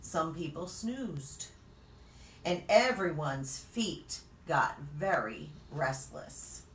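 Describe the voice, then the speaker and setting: A pastor with a low voice reads storybooks aloud to preschoolers, her intonation very lively and her phrasing deliberate, with dramatic pauses. The expressive reading is captured by a roomy, distant mic with faint noise.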